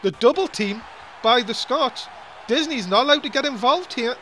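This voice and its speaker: A man with a very high, bright voice calls a wrestling match play by play. He talks in quick, excitable bursts and keeps grumbling along the way. There is a faint noise behind him. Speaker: wrestling commentator.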